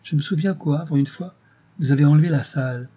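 A man voicing a smooth, flattering gentleman in an audiobook, sly and tender. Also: on the high side, fairly quick, pitched above the performer's own voice, natural voice.

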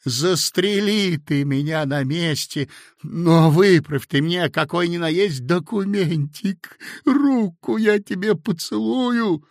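A man's voice: sits high, slow pace, dry recording, clean studio sound, voice pushed up. A man voicing a desperate male clerk who wails and pleads in tears. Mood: pleading. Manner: wailing, pleading. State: crying.

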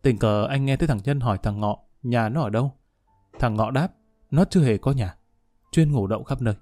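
A man voicing a jealous, violent young thug in a spoken story, harsh and shouting. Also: medium pitch, fairly quick, dry recording, studio quality, soft background music, natural voice. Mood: anxious.

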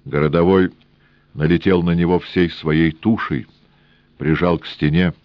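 Slow, deep-voiced male audiobook narrator. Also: flat delivery, no echo, highs cut off. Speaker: audiobook reader.

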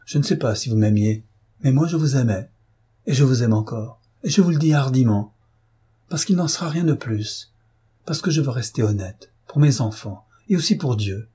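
A man's voice: mid-range voice, normal speed, mellow, husky, lightly acted. A man reading an audiobook, voicing an earnest, proud young upper-class woman who speaks with heartfelt, emphatic pleading.

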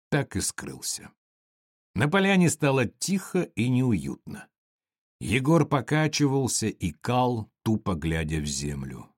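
A man narrating an audiobook in a measured, expressive storytelling manner. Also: lowish voice, dry recording, clean studio sound.

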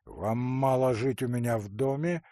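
A man's voice: medium pitch, moderate pace, mellow, no echo, natural voice. A man playing a weary, stern nobleman who speaks in a hollow, restrained voice, in an audiobook reading with a dry sound. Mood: cold.

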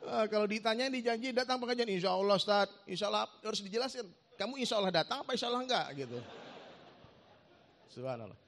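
A man preaching a lively storytelling sermon, giving his own testimony and acting out the dialogue while joking with the audience. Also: high voice, a little hiss or hum.

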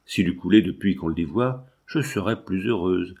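A man's voice: deep voice, normal speed, creaky, darkish tone, husky, exaggerated voice. A man reading the lines of a proud, desperate young noblewoman with a harsh, hard voice. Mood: fierce.

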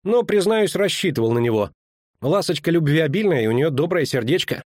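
A man voicing a cheeky, talkative young bard in a high, wailing voice in an audiobook. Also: expressive, darkish tone, no echo, clean studio sound. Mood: indignant. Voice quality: high and wailing, fast complaining.

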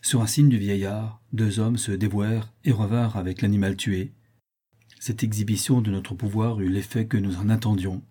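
A male audiobook narrator reading a first-person adventure. His voice is low, mellow and husky. He reads in a steady, measured way.

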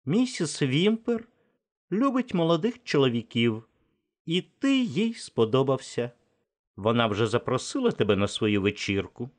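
A man voicing a proud, sharp-tongued young woman in an audiobook, speaking in a hushed, tense way. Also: mid-range voice, very animated, a little slow, voice pushed up. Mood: cool and sharp.

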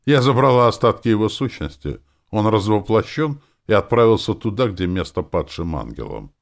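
A man's voice: on the low side, expressive, moderate pace, pitched above the performer's own voice. A man voicing a crude, gloating female demon in an audiobook, with a growling, sardonic way of talking. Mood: scornful. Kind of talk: audiobook character voice.

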